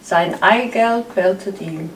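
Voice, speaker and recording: A woman narrating a story aloud in a deliberate, measured way. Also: medium pitch, fairly bright tone, slight background noise. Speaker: second story reader. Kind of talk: live storytelling reading. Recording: echoey room, far from the mic.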